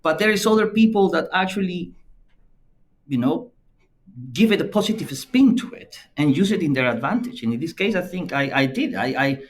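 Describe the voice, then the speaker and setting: A middle-aged Peruvian man, a native Spanish speaker with a Peruvian Spanish accent, appears as a podcast guest and company CEO, telling personal stories in a conversational interview. He speaks at normal speed with lively, anecdotal delivery, acting out quoted friends in a higher voice.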